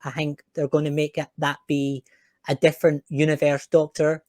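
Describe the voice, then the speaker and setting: A man's voice: on the high side, completely flat delivery, moderate pace, mellow, no echo. A man hosting a podcast, chatting in an opinionated, chatty way with some fillers. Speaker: podcast host. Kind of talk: casual chat.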